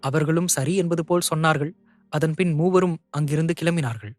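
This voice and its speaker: A man narrating an audio novel in a steady, measured storytelling manner. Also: a little high, no room sound, clean studio sound, soft background music.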